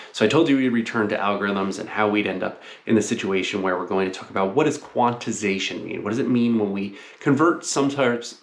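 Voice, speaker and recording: A man's voice: fairly low pitch, gravelly. A man lecturing informally as a college teacher, explaining things to his class in a conversational way. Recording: roomy, echoing sound.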